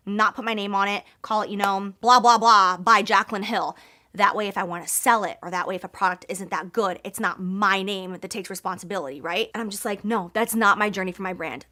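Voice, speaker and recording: A young woman beauty YouTuber presenting her own product launch, emphatic and gushing, filling her talk with "like" and squealing when excited. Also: medium pitch. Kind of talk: excited product reveal vlog.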